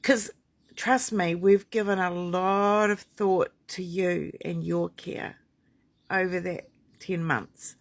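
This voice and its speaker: A woman's voice: lowish voice, steady tone, slow. A middle-aged woman midwife talking to camera in a heartfelt, chatty way, rambling with fillers and restarts. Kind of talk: heartfelt casual talk to camera.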